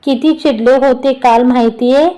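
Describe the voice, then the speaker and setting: Woman reading a young wife, scolding and earnest, high soft voice. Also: steady tone, moderate pace, lightly acted, rough recording. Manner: scolding, bewildered questions.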